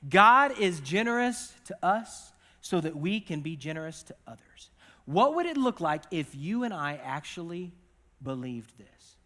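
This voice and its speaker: A man preaching a sermon as pastor, with conversational, animated storytelling and acted-out quotes. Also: a little high, measured pace, long reverb tail. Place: church auditorium.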